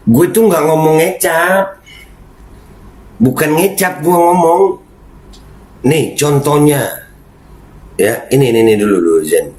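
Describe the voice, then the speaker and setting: A man hosting his own channel, talking loudly and heatedly in casual commentary. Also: fairly high pitch, echoey room, low-quality recording. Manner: loud, heated, then slipping into Arabic prayer phrases. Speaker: YouTube channel host.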